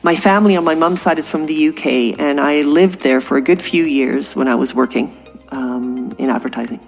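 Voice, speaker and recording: A podcast host from Canada, a woman in her forties, reads a scripted monologue about a personal experience with earnest reflection. She speaks at normal speed in a low-pitched, creaky voice, and faint music plays behind her.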